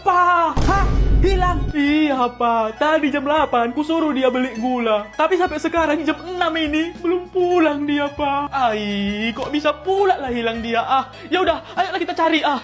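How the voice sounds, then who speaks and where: A woman performing a comic sketch, switching between many villager voices high and low with loud exclamations.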